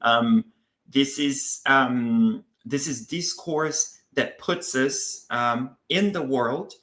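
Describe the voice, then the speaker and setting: A man from Brazil giving a conference talk to teachers, pausing often with ums and restarting his sentences. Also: medium pitch, a bit bright. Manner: hesitant, with many ums and restarts. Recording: roomy echo.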